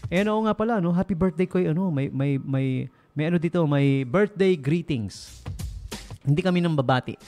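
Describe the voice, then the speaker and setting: A man's voice: fairly high pitch, normal speed, mellow, faint music behind. A man with a Filipino accent, a radio DJ chatting casually on air, joking and laughing often. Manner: jokey, laughs often, mixes English into Tagalog. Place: radio studio.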